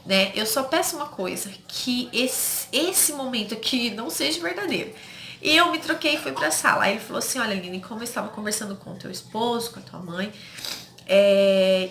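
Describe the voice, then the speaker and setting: A woman's voice: on the high side, pushed and bright. A woman from Brazil telling viewers a personal story in a casual, emotional way, often calling them "gente" and quoting what others said. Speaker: vlogger. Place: home. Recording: echoey home room with faint noise.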